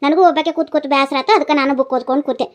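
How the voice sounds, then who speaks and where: Cartoon auntie, gossipy neighbour with a North Karnataka accent, high and quick, a woman voicing her. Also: steady tone, lightly acted. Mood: chatty. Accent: North Karnataka Kannada. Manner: gossipy, nosy. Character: chatty middle-aged neighbour auntie, gossipy. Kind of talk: cartoon voice acting.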